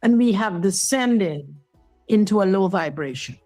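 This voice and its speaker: A woman's voice: mid-range voice, lively intonation, unhurried, a little mellow, no echo, faint music behind, rough recording. A woman in her sixties from Guyana, telling her story as an interview guest and minister, earnest and explanatory. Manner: earnest, explanatory, checks in with the listener.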